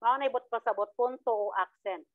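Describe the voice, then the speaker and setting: A woman's voice: fairly high pitch, fairly quick, no echo. A woman teacher giving a step-by-step lecture, acting out sample lines with rising tones. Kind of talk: classroom lecture. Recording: tinny phone-like dry sound.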